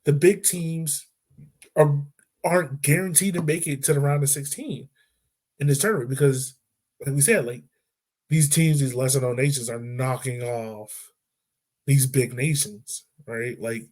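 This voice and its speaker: Co-hosting a casual sports podcast, a man speaks at a medium pitch, a little slowly and a little mellow. His delivery is loose, laid-back, and chatty, full of "like" and "right?"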